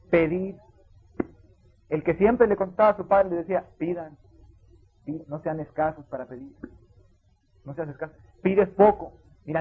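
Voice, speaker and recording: Husky-voiced preacher, man. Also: high-pitched. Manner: preaching with rising bursts and quick drops to quiet asides. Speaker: pastor. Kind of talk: sermon. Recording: tinny phone-like sound.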